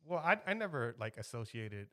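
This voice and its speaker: A man, co-hosting a podcast in lively, teasing casual chat. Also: medium pitch, fairly quick, no room sound, clean studio sound. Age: 30s. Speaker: podcast co-host.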